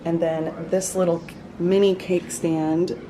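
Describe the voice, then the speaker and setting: A woman's voice: on the low side, takes it slowly, a crowd in the background. A young woman, chatting casually in a home vlog. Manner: chatty, relaxed, Southern "y'all". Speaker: vlogger. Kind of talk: casual vlog talk to camera. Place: home living room.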